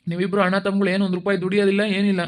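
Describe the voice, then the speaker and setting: A man playing an angry middle-aged village father who scolds rapidly, speaking in an amateur family skit. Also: high voice, monotone, close to an everyday voice. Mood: furious. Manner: scolding, threatening, rapid outbursts.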